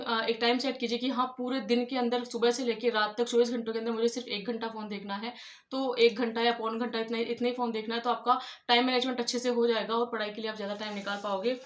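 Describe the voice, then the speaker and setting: A woman's voice: on the high side, roomy sound. A woman giving earnest, repetitive study advice to exam candidates, often saying she would like to tell them something. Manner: earnest, repeats "I'd like to tell you". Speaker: exam-prep tutor. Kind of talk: casual advice talk.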